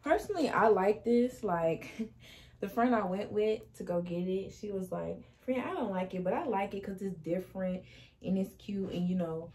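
A young adult fashion vlogger, sassy and slangy, does a casual try-on haul chat from a small indoor bedroom. She has a mid-range voice with a darkish tone and talks at a normal speed. The camera is across the room and the audio is poor.

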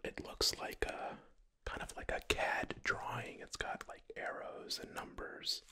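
A young man whispering softly and unhurriedly into a close microphone as he hosts a finger-tapping ASMR video. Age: young adult. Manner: soft whispering, unhurried asides. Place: small dim bedroom studio, indoors. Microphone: close desktop microphone.

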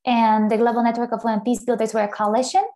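A woman's voice: fairly high pitch, flat delivery, fast, mellow. A woman program director of a peace organization introducing her work on a panel, organized but with frequent fillers.

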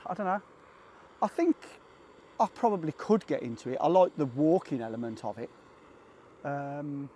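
Guy vlogging on a hike, mellow voice a bit on the high side, bit of outdoor hiss. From England. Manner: chatty, self-mocking, talks to his dog between thoughts. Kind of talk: casual vlog chat. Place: outdoors on a hiking trail.

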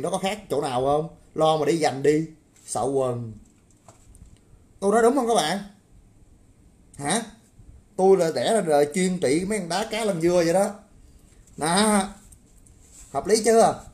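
Guy ranting on a stream, crude and mocking, kinda high but dark mellow tone. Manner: crude, mocking, swears often, asks viewers for agreement. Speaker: political commentator. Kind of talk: livestream rant.

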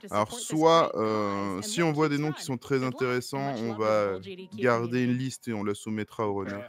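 A man's voice: mid-range voice, moderate pace, crowd noise. A man co-commentating a live speedrun, bantering playfully and joking about the run.

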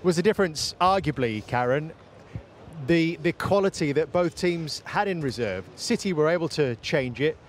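A man presenting football coverage pitchside, with brisk, polished links. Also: expressive, slight background noise. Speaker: television presenter. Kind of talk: broadcast presenting. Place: outdoors pitchside at a stadium.

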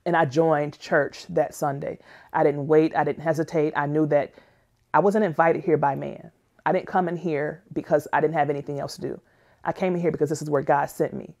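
A woman's voice: sits low, fairly even intonation, a little fast, creaky, a little mellow. A woman narrating her own life story as a personal testimony, earnest and emotional in a plainspoken way. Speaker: memoir narrator.

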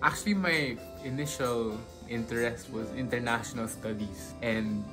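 A man's voice: medium pitch, moderate pace, over music, poor audio. A man in his twenties, an interviewee introducing himself earnestly from home with some fillers. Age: 20s. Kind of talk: recorded self-introduction. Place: home room indoors.

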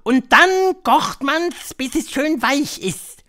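A man reading an audiobook, voicing an imperious female witch leader who lectures in a shrill, drawn-out way. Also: animated, sharp tone, heavily acted. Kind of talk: audiobook character voice.

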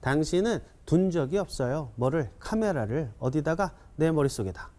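Lively male English tutor, drilling students. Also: fairly high pitch. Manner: animated, coaxing, keeps asking students questions; repeats drills slowly, counts learners in. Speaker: English writing instructor. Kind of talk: classroom-style video lecture.

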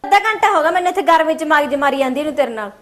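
A woman playing a nagging daughter-in-law in a family drama, scolding in a sharp-tongued way. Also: sits high, lively intonation, racing. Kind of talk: amateur family drama acting.

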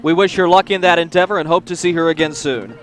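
A young man making mock-serious comedy announcements in a deadpan manner. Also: a little high, quick pace, faint music behind.

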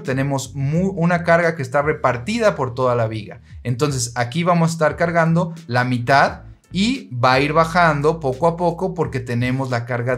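A man teaching engineering, explaining diagrams in a patient, steady way and speaking straight to the listener. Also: mid-range voice.

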